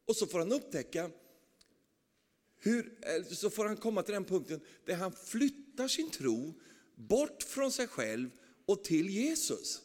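Male preacher, animated storytelling, lively pitch, long hall reverb. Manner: animated storytelling, tag questions. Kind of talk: sermon.

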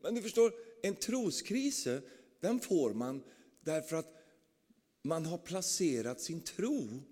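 A man's voice: a little high, big pitch swings, dark tone, slightly rough. A man preaching a sermon, telling the story animatedly with frequent tag questions. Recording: long reverb of a large hall.

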